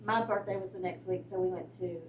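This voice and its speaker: A woman's voice: fairly low pitch, steady tone, fast talker, darkish tone, a little hiss or hum. Woman in her fifties, distant and echoey. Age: 50s. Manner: hesitant, many fillers. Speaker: class member sharing a story. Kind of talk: casual storytelling. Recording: echoey room, far from mic.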